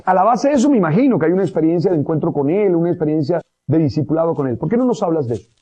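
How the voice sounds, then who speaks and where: High-voiced priest host, lo-fi sound. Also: male voice, animated, racing, breathy edge. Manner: warm, cordial and pastoral. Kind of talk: religious talk show interview.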